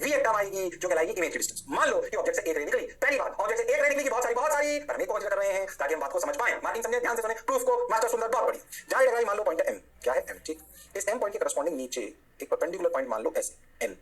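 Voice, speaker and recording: A man teaching a physics lecture, energetic and coaxing, constantly firing rhetorical questions at his students. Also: high-pitched. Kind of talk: classroom lecture.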